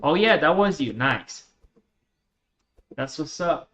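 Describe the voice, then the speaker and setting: This live-streaming gamer, Russian-born and in the United States since age eleven, talks casually in slang with a slight accent. His voice is a little high and sharp-toned, with lively intonation and a slow delivery. The recording comes from a dull lo-fi mic with faint noise.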